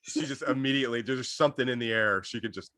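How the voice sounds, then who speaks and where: A man's voice: medium pitch, fast, sharp tone, dry recording, studio quality. A man co-hosting a comedy podcast, rambling through jokes in casual chat. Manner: rambling, jokey riffing. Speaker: podcast co-host.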